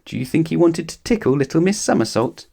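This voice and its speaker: Narrating a children's story straight to young listeners, this man talks fast and with great animation; his voice is a little high, mellow, and creaky.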